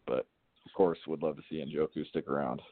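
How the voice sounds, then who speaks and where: Low voiced guy calling in over the phone, sounds tinny and dry, laid back fan chat. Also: steady tone, fairly quick, dry recording. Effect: heard over a phone line. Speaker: radio call-in caller. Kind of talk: casual sports fan chat.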